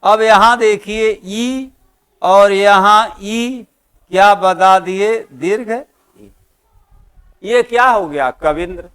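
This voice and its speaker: In an exam-prep lesson, a male teacher poses questions to the class and answers them himself, slowing down to repeat key terms for emphasis. His voice sits high, smooth and fairly bright.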